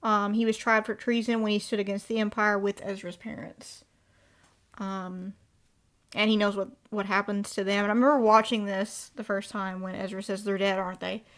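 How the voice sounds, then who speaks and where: A woman's voice: mid-range voice, little pitch movement, moderate pace. A woman co-hosting a casual fan chat, recapping the story with fillers and growing emotional. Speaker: podcast co-host.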